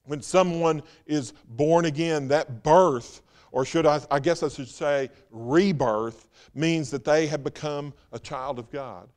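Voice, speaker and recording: A man whose voice sits a little high delivers a Sunday sermon as pastor in a church sanctuary. Rhetorical questions come rapid-fire before he sinks into a slow, hushed tone to drive points home.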